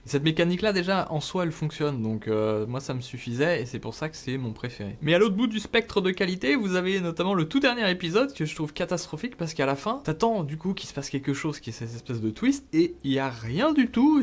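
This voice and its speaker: A man from France giving a casual, joking spoken review of TV series, talking in slang and turning often to his viewers. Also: fairly high pitch. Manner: animated, slangy and joking, with frequent asides to viewers.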